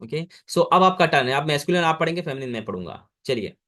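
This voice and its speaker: A man's voice: fairly high pitch, expressive, pushed and bright. Patient Indian man tutoring online. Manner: patient, repeats words slowly for a student. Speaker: French tutor. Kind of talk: online language lesson.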